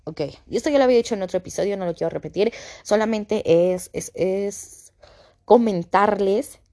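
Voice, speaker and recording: A young Mexican woman hosting a podcast, talking casually and acting out quoted voices with big jumps in pitch. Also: moderate pace, mellow. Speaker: podcast host. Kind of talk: casual monologue.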